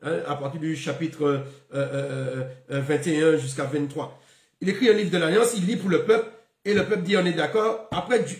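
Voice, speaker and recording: A man's voice: high voice, roomy sound. A man giving a spoken Bible lesson, stopping often with fillers and repeated words. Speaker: Bible teacher.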